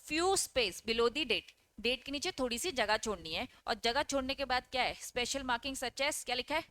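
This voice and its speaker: Bright-voiced woman teacher lecturing. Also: a little high, animated, measured pace, a little hiss or hum. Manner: asks students questions and answers them herself; reads English lines from the text, then explains them. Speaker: exam-prep teacher. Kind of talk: online lecture.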